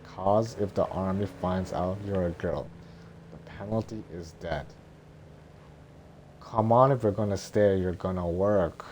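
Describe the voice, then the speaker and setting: Boastful little male dragon guardian read by a man, lowish voice, bossy and blustering, cartoon sidekick, noisy recording. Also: measured pace, darkish tone. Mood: urgent, bossy. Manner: blustering, stumbling script reading. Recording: noticeable background noise.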